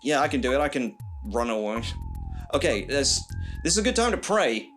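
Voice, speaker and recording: A man's voice: medium pitch, big pitch swings, brisk, a bit bright, faint music behind. A man giving dry, wry commentary while playing a game, with lots of fillers. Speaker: let's play player and host. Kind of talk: casual gaming commentary.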